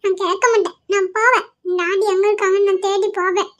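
A woman's voice: very high-pitched, steady tone, fast, fairly bright tone. A woman voicing a small boy in a cartoon, whining and crying as he pleads for his father. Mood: stubborn. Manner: whiny, sobbing, pleading.

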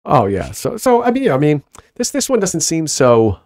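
A man's voice: fairly high pitch, wildly swooping pitch, normal speed, a little mellow, dry recording. A middle-aged man with a Long Island accent, co-hosting a casual book club podcast in a rambling, reflective way with frequent restarts. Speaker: podcast co-host.

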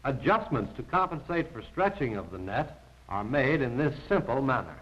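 In a voice-over recorded separately from the footage, a man narrates a scripted 1940s military training film, formal, precise and instructional. His voice sits at medium pitch with wide swings in intonation, a moderate pace and a fairly bright tone. The audio is the dull, band-limited sound of a 1940s film soundtrack.

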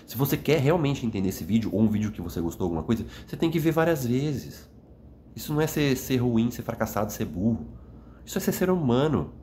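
A man's voice: medium pitch, sing-song, fast talker, a little mellow, a little hiss or hum. A man talking in an emotional, reflective monologue to the camera, earnest and rambling, tagging his sentences with little questions and sounding worn out after crying. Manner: earnest, rambling, frequent "né?" tags. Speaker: vlogger. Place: indoors, at night.

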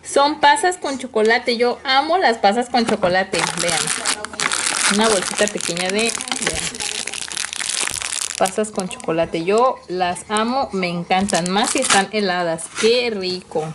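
A woman's voice: mid-range voice, measured pace, background noise. A young woman with a Mexican Spanish accent, chatting affectionately to her viewers in a casual home vlog, laughing often. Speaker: vlogger. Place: home indoors. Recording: music playing underneath.

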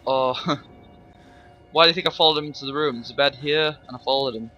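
A man's voice: mid-range voice, normal speed, highs cut off, faint music behind. A young man giving jumpy, swearing let's play commentary on a horror game. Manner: jumpy, swearing, laughing, yelling when startled. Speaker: gameplay commentator.

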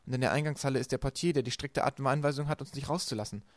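A man's voice: medium pitch, rapid-fire, no echo, natural voice. A man reading an audiobook aloud and voicing a bookish teenage boy, subdued and thoughtful.

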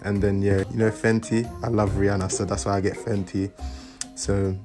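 A man's voice: fairly low pitch, level tone, moderate pace. A man doing a casual, playful, repetitive mock makeup tutorial over music. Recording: background music.

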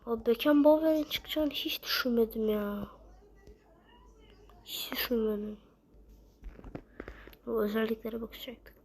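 A woman giving casual, slangy gameplay commentary while opening packs, and she breaks into excited shouts. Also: on the high side, a little fast, few pauses. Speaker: gaming channel host. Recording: loud background noise.

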